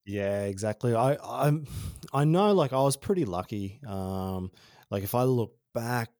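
Relaxed Australian man, dry close sound. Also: mid-range voice, a little slow, no room sound. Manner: relaxed, rambling, slangy. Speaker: podcast guest, former freestyle motocross rider. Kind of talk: casual conversation.

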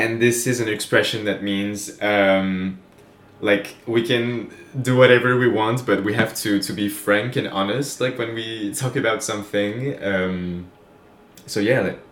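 A young man from France with a French accent, co-hosting a podcast in casual, chatty talk. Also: on the low side. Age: young adult. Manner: relaxed, chatty, laughs easily. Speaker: podcast co-host. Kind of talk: casual chat. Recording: echoey room.

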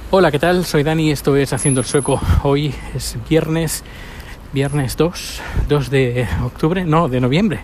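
A man's voice: fairly high pitch, measured pace. Chatty Spanish man walking down a street. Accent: Spain Spanish. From Spain. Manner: chatty, rambling, with frequent restarts. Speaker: podcast host. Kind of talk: casual spoken diary. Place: outdoors on a city street, walking. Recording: street noise while walking.

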